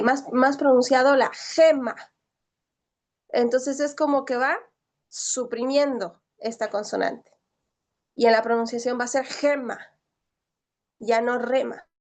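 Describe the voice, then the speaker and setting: High-voiced woman teaching a class. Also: darkish tone. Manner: explains patiently, asks students questions, often checks with "¿sí?". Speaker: Greek teacher. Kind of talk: online class lecture.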